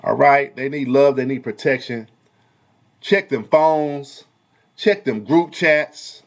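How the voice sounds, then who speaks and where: A man who is a parent and a barber, talking heatedly in a casual commentary vlog, repeating himself in a preachy way and swinging between loud and soft. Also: medium pitch, takes it slowly, muffled recording. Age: adult parent. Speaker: vlogger and barber.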